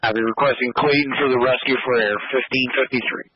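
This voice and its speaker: A man's voice: mid-range voice, fairly even intonation, fast, a little hiss or hum. A man working as an emergency dispatcher, making urgent fire and rescue calls over two-way radio in a procedural way, repeating details. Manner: procedural, repeats addresses and calls, reads out times. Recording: muffled lo-fi emergency radio transmission.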